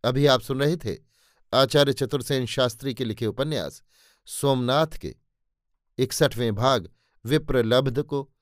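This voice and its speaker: A man reading a novel aloud as narrator, in a measured, literary manner. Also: mid-range voice, no echo, studio quality. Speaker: audiobook narrator. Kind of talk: scripted narration.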